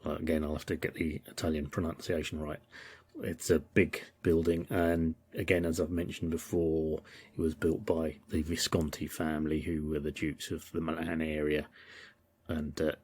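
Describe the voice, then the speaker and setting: A man's voice: extremely low pitch, level tone, normal speed, a little mellow, breathy edge. A man with an English accent hosting a podcast, talking through his material in a thoughtful, rambling way with frequent hesitations. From England. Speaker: podcast host. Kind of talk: casual podcast commentary.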